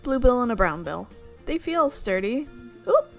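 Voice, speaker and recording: This young woman plays through a visual novel, reading it aloud and interrupting herself for amused, chatty asides about the script. Her fairly high, creaky voice has big pitch swings, and her pace is measured. Faint music sits behind her casual commentary.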